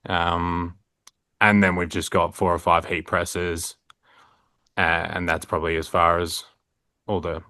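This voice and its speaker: A man's voice: deep voice, pushed and bright, no echo, clean studio sound. A young Australian man, a print shop owner, chatting casually in an interview, rambling with lots of fillers. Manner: rambling, filler-heavy, frequent "like".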